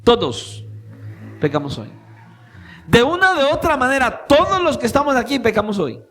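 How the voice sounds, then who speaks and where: High-voiced man preaching a sermon. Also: big pitch swings, normal speed. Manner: swings between raised emphatic preaching and quiet intimate asides; asks the congregation direct rhetorical questions. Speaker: pastor. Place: church.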